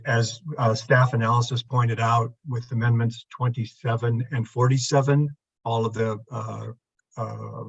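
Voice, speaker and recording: A man's voice: mid-range voice, breathy edge. Muffled remote voice of a man. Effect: muffled, as if heard through a wall. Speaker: public testifier at a council meeting. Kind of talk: formal remote testimony. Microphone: remote call line. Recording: dull muffled lo-fi remote audio.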